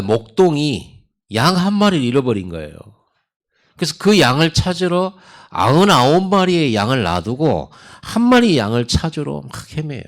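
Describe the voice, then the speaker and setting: A male pastor delivers a Sunday sermon, retelling Bible stories in a relaxed, talky way. His voice sits at an ordinary middle pitch but rises and falls widely as he animates the story. He drops into quoted lines to act out the characters as he goes. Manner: acts out God's and Jonah's lines in quotes.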